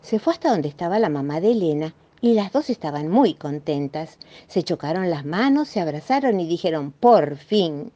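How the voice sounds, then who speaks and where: A woman with a Rioplatense accent reading a children's story aloud in an expressive, playful way. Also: lowish voice, fairly quick, hardly any pauses. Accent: Rioplatense Spanish. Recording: dull muffled recording.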